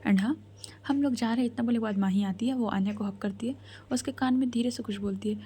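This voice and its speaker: A woman's voice: on the high side, fast, mellow, slightly rough. A woman storyteller narrating a romance in a chatty whisper, often calling her listeners bhai.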